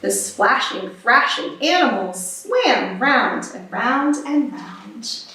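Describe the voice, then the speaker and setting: A woman reading a picture book aloud for children in an expressive, animated storytelling manner. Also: fairly high pitch, slow. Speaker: storybook reader. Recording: very echoey room, distant microphone.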